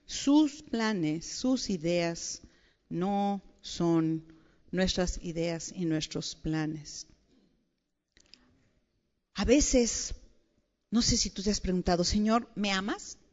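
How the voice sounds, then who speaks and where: A woman preaching a lively conversational sermon to a women's gathering, playful and animated, often asking her audience questions. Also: lowish voice, drawn-out words, long pauses. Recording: dull sound with long hall reverb.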